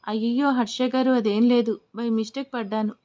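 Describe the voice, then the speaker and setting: A woman's voice: a little high, fairly even intonation, moderate pace, dark tone, dull audio, close to an everyday voice. A woman voicing a young wife in an audio story, sulky and pleading, asking pointed questions. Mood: embarrassed. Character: young wife, suspicious and quick to argue.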